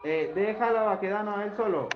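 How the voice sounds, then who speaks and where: A strict teacher quizzes pupils in a classroom. The recording is roomy and dull, with clear noise behind the voice. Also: medium pitch, brisk. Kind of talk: classroom lesson.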